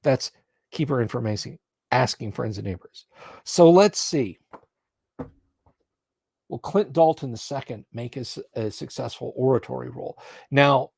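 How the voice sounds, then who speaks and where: A man with a mid-pitched voice acts as game master on a live stream. He reads scenario text aloud and comments on the rules, recorded close and very dry. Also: unhurried, creaky, long pauses, a little mellow, breathy edge, no room sound.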